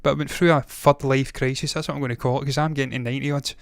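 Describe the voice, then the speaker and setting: A man in his thirties hosts a movie news show in a gravelly, mid-range voice, racing along with fairly even intonation. He talks casually and wanders into opinionated asides, and the studio recording is clean with no room sound.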